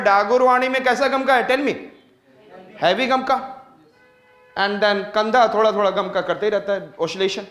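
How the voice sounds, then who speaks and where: A man with an Indian accent teaches a class, mixing English with Hindi and firing repeated questions at his students again and again. His voice is high and fairly bright, and the room sounds spacious.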